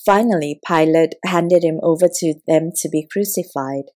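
A woman narrating a scripture audiobook in an even, measured reading. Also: low voice.

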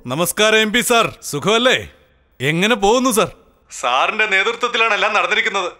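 A brash TV reporter, fast-talking, bright and sharp, sarcastic, pressing. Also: male voice, sits high, animated, full character voice. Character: brash male TV reporter confronting politicians. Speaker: TV news anchor questioning an official. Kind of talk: dubbed film acting.

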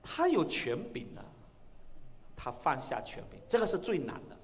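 A male pastor preaching a sermon, swinging between loud exclamations and hushed lines. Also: a little high, huge pitch swings, moderate pace, in a large hall. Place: church sanctuary.

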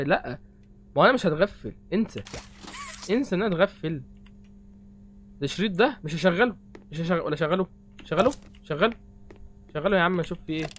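A man's voice: on the high side, slight background noise. A young Egyptian man hosting a horror game playthrough, rambling and joking nervously. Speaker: gaming host.

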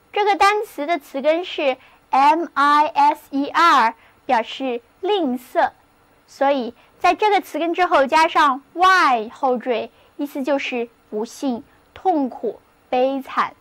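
A woman teaching English vocabulary in a recorded lesson, spelling words out slowly and drilling read-after-me practice. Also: sits high, fairly bright tone. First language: Chinese.

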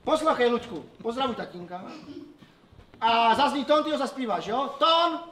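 Man as an exasperated teacher, bossy, stumbling over words, high-pitched, noisy audio. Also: animated, recorded from a distance. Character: exasperated foul-mouthed male music teacher. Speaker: comedian playing a teacher. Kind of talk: improvised comedy sketch.

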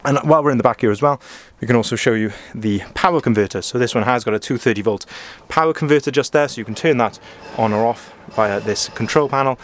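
A man's voice: medium pitch, fast talker. Chatty man giving a van walkaround. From Wales. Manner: chatty, keeps repeating "as I say". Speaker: van sales manager. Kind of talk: walkaround sales review. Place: outdoors at a van dealership lot and inside a van.

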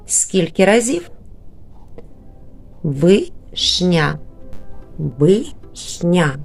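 A woman teaching young children in a remote lesson, patient and slow, stretching out words syllable by syllable, with a Ukrainian accent. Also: lowish voice, a little mellow. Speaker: primary school teacher.

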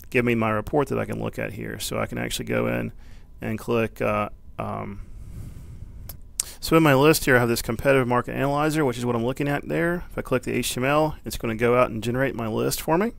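A man in his thirties, a business librarian, walking through a research database in a relaxed tutorial with plenty of fillers, recorded in an office at a desk camera. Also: mid-range voice, a little fast, gravelly. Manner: relaxed, filler-heavy explaining. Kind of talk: screencast tutorial walkthrough. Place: office with bookshelves.

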